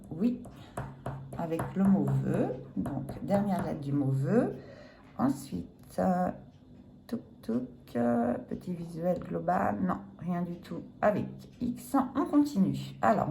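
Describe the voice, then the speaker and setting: A woman's voice: medium pitch, gravelly, noisy background. A woman scratching a lottery ticket on camera, chatting casually and laughing at herself apologetically. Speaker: lottery scratch card vlogger. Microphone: phone or camera filming the ticket.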